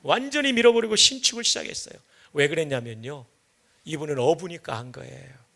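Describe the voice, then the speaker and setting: A man preaching an evening sermon in a church, telling stories with lively humor. His voice sits high and sounds bright and bold. A gravelly rasp runs through his delivery. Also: a little fast. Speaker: guest pastor. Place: church sanctuary.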